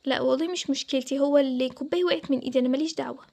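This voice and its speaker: A woman's voice: high voice, rapid-fire, creaky, warm tone. A woman voicing the groom's spiteful young sister, snippy and defensive, with an Egyptian accent. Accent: Egyptian Arabic.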